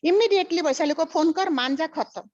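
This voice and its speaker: A woman's voice: very high voice, moderate pace, a little mellow, dry recording. An older woman giving a spiritual teaching, emphatic and repetitive, mixing English phrases into her talk. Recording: dull lo-fi recording.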